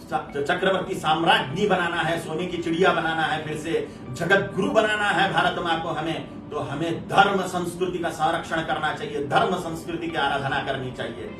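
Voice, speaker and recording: A man with a notably high voice delivers a fervent religious discourse, declaiming list after list of repeated phrases. He sounds set back from the microphone in an echoey room, with clear music playing underneath. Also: distant mic. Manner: emphatic, declaiming in long repeated lists. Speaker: religious preacher.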